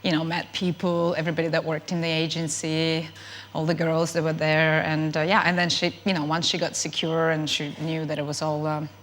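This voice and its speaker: A woman in her thirties from Ukraine, a guest actress on a chat show in a TV studio, tells stories with lots of ums. Her voice is low and flat, a little fast, with an accent mixing Ukrainian and French. She comes across as chatty and hesitant.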